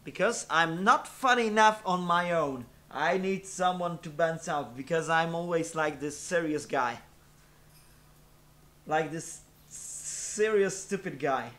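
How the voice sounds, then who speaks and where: A man's voice: on the high side, slow pace, fairly bright tone. A man streaming live, chatting casually in a rambling, self-deprecating way with many fillers.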